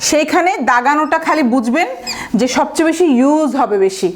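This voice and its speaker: High-voiced woman with a Bangladeshi accent, patient online vocabulary tutor who repeats words aloud. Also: expressive, a little fast. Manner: explains patiently, repeats words to drill pronunciation. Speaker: vocabulary teacher. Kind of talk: recorded online lecture.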